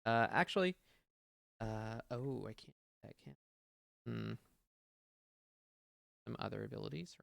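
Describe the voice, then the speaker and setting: A man's voice: on the low side, expressive, unhurried, vocal fry, pauses often, a bit bright, dry recording, clean studio sound. A man running a tabletop game as game master, hesitant and thinking aloud with many fillers.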